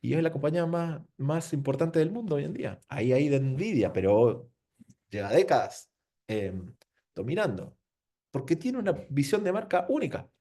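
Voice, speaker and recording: Animated Argentine man giving a seminar talk. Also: on the high side, normal speed. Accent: Argentine Spanish. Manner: animated, rhetorical questions, slangy. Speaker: marketing speaker. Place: venue with an audience.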